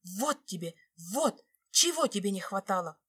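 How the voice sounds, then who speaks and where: A woman reading an audiobook voices a hurt wife, sharp-tongued and hissing in anger. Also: medium pitch, animated, moderate pace, husky. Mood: furious.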